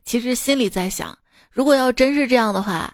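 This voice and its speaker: A woman's voice: a little high, a little fast, dry recording, clean studio sound. A woman hosting a podcast, reading listener jokes aloud in a chatty, teasing way. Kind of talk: casual comedic reading.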